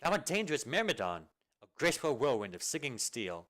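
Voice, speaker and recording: A man voicing a cocky, eager young swordswoman with a loud, bouncy, bragging delivery. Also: medium pitch, sing-song, fairly quick. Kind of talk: amateur video game fan dub.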